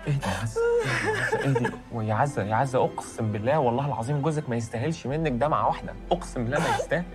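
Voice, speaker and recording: A man's voice: medium pitch, wildly swooping pitch, very fast. An actor playing a devoted brother who comforts his grieving sister with an Egyptian accent, soothing and swearing oaths. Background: music score.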